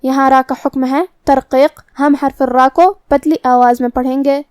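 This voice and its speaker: Brief: female recitation teacher, high voice, dry close sound, methodical and patient. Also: level tone, a little mellow, clean tone, no echo. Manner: methodical step-by-step explanation with drawn-out recitation. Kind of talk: tajweed lesson, explaining then reciting slowly.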